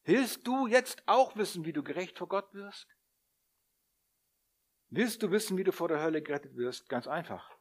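A man's voice: high voice, expressive, normal speed, long pauses. Emphatic German-speaking preacher, a man. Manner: emphatic, rising to loud appeals; addresses the listeners directly, asking them questions. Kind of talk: sermon.

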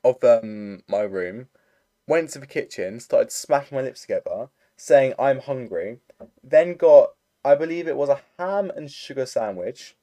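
A man's voice: mid-range voice, expressive, a little slow, warm tone. Young guy telling a story. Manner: rambling, filler-heavy anecdote telling. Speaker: storyteller in a chat. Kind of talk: casual chat over a voice call. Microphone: computer mic on a voice call.

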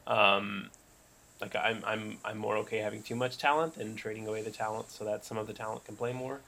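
A man with a gravelly, creaky voice, chatting casually as a podcast co-host. He talks in a loose, relaxed way, full of fillers and restarts. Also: on the low side, fairly quick. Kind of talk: casual sports chat.

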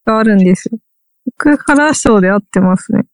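A woman from Ehime, Japan, who teaches English literature chats casually in a mid-range, expressive voice at a brisk pace. She sounds wry and trails off while searching for words, and the recording has no echo.

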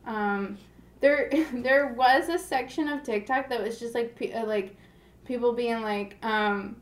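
A woman's voice: fairly high pitch, measured pace, echoey room. A woman from Florida chatting casually as a host, rambling with lots of fillers and restarts. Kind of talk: casual chat.

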